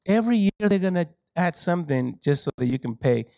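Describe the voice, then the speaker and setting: Brief: male preacher, lively sermon, playful humor, close dry mic. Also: a little fast, vocal fry, no room sound, low-quality recording. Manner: animated, joking asides, laughs often, big swings in pitch and loudness.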